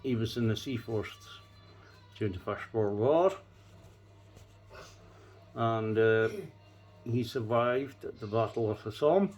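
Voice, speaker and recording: A man's voice: lowish voice, slow pace, pauses often, darkish tone, faint music behind. A middle-aged or older Scottish man chatting casually to camera, reminiscing in a rambling, folksy and reflective way. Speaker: pipe-smoking vlogger.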